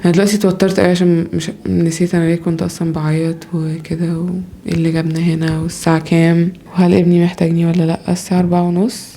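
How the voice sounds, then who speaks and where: A woman's voice: on the low side, monotone, fast, dark tone, slight background noise. A young woman with an Egyptian accent, talking to her podcast listeners at home in a rambling, reflective and self-doubting way. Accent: Egyptian Arabic. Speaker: podcaster, mother. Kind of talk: casual personal monologue.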